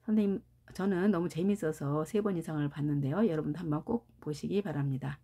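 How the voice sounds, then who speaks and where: A woman's voice: low-pitched, brisk, warm tone, slightly rough. A Korean-speaking woman teaching English pronunciation, explaining carefully and repeating each example word. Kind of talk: recorded pronunciation lesson.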